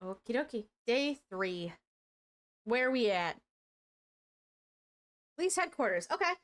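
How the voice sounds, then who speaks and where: A woman's voice: fairly high pitch, sing-song, slow, fairly bright tone. A woman streamer doing chatty, amused let's play commentary, reading items aloud.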